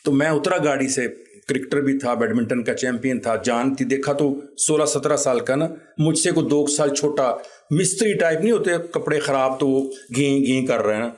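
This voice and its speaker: A man's voice: mid-range voice, a little mellow. Man with a lilt telling a story. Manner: vivid anecdotal retelling, acts out quoted voices. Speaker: interview guest. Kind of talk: conversational storytelling.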